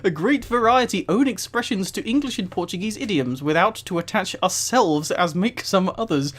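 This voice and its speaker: Reading aloud with an amused, emphatic delivery, the streamer keeps breaking into laughter and adding offhand remarks. Pitch sits mid-range, intonation is lively, the pace moderate, the tone a bit bright.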